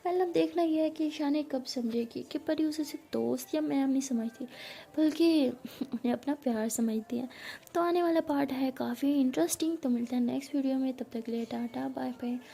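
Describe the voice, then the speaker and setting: Woman telling a love story casually, high soft mellow voice, chatty. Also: normal speed, creaky. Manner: chatty, conversational retelling.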